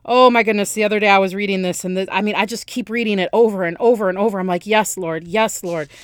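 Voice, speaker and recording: A woman's voice: mid-range voice, fairly even intonation, racing, clear, resonant tone, dry recording, studio quality. A woman preaching a sermon with passion, repeating phrases and restarting her sentences.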